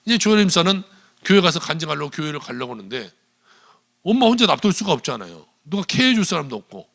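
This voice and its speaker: A male pastor preaching a sermon in a church, retelling a story with animated delivery and quoted dialogue. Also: high voice, vocal fry. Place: church sanctuary.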